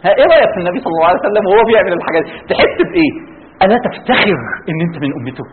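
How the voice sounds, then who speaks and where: An Egyptian man preaches at a rapid clip, his voice high and swinging widely in pitch. He keeps throwing rhetorical questions at his listeners. The recording is thin and phone-like, with faint background noise. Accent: Egyptian Arabic. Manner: animated, rhetorical questions to the audience. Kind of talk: religious lecture. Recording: tinny band-limited with faint noise.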